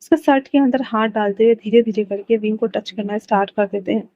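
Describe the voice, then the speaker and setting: A woman's voice: mid-range voice, a little fast, no room sound, dull audio. A woman casually narrating a fan-fiction story in a chatty way, mixing in English words.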